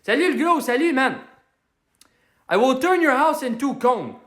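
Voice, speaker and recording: Answering viewer comments on a ranting comedy livestream, a performer plays a furious working-class man from Quebec, the self-proclaimed Quebec Hulk, who is angry all day. He yells in broken English laced with French and a heavy Québécois accent, his high, sing-song voice moving at a moderate pace in a roomy sound.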